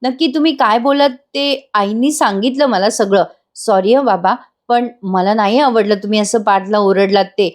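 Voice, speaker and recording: A woman retelling the lines of a caring young daughter-in-law who speaks softly and respectfully. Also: mid-range voice, moderate pace, hardly any pauses, natural voice. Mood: earnest.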